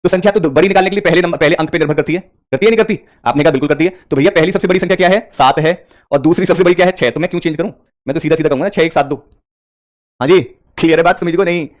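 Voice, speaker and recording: A man's voice: a little high, very fast. A man teaching reasoning for bank exams in a live online class, speaking mixed with English terms and talking straight to his students.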